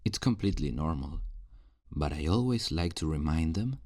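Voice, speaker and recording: A voice actor takes the role of a calm, kindly male afterlife assistant selling new lives to souls in a scripted, soft-paced, one-sided ASMR roleplay. Gently advising at a moderate pace, his low, gravelly voice stays patient, reassuring, and explanatory like customer service. The clean studio sound has no echo.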